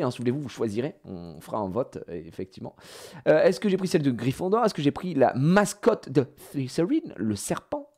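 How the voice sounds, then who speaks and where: Animated male streamer chatting live. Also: medium pitch. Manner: animated, swings from loud exclamations to muttering; swears casually while fiddling with the computer. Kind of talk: casual live-stream chat.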